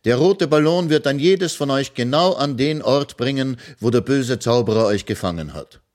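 A man's voice: mid-range voice, animated, normal speed, darkish tone, pitched above the performer's own voice, natural voice. A man doing a brave little boy hero. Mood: triumphant. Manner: eager, proclaiming.

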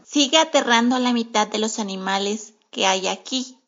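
A cranky, fussy lady who complains in a harsh tone, as a woman puts her on for a storybook reading. Her voice sits a bit high. The radio recording is dull and lo-fi. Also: normal speed, fairly bright tone. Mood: irritated.

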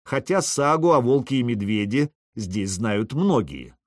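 A cool, measured Viking king, as a male narrator voices him, commanding without raising his voice. The delivery swings with lively intonation in a dry, close recording. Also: mid-range voice, dry recording. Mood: cold.

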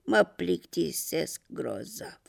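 A storyteller voicing a gloomy Astrakhan fur hat in a children's tale, thick and muffled, speaking bitterly and slowly. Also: mid-range voice, steady tone, vocal fry, natural voice. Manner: bitter and slow.

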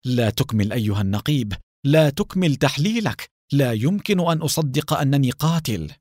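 A man voicing an anguished wealthy man with a split personality, pleading and shouting defiantly in a radio-style story reading. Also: mid-range voice, lively intonation, a little fast, dry recording, studio quality, natural voice. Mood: tearful.

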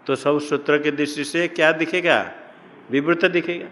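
A man's voice: a little high, fairly even intonation, normal speed, a bit bright. A man teaches Sanskrit grammar in a classroom lecture. He asks questions, answers them himself, and chants the rules in a sing-song tone. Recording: long reverb of a hall.

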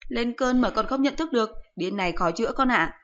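A woman putting on a sharp, scolding mother. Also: fairly high pitch, animated, brisk, highs cut off, pitched above the performer's own voice. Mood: scolding mockery. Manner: mocking, scolding. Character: sharp-tongued scolding middle-aged mother.

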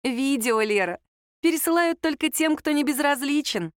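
A woman's voice: high voice, lively intonation, moderate pace, dry recording, studio quality, pitched above the performer's own voice. A woman reading an audiobook, voicing a confident, teasing young woman reassuring her friend. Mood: wry.

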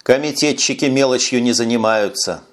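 A man's voice: mid-range voice, moderate pace, natural voice. A man voicing a tired, sarcastic police lieutenant who speaks curtly in an audiobook. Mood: weary. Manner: sarcastic, curt. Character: weary sardonic male police lieutenant.

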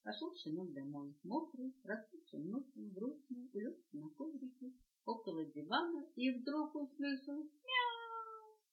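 An older woman, a grandmother, reading a children's story aloud with lively, expressive storytelling. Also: high-pitched, moderate pace. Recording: roomy dull home cassette tape.

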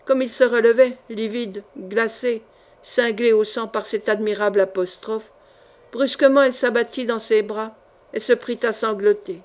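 Woman reading a swashbuckling novel aloud. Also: fairly high pitch. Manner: expressive literary reading. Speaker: audiobook reader. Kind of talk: audiobook narration.

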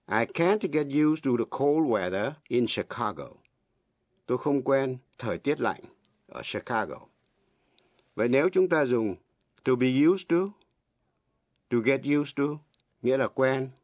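Slow, deliberate radio English teacher, man. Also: on the low side, no room sound. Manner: spells words letter by letter and translates each example. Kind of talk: slow, deliberate language lesson. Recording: dry, dull lo-fi radio broadcast.

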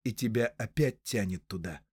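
A man doing a stern, measured young hero. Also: on the low side, darkish tone, breathy edge, dry recording, studio quality. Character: grave, steady young male hero.

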